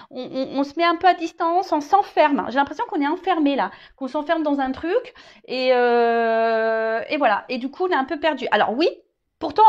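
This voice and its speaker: A woman's voice: sits high, dull audio. Chatty woman doing a tarot reading. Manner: hesitant, many repeated words and fillers; chatty, addresses viewer directly, jokes. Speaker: tarot reader.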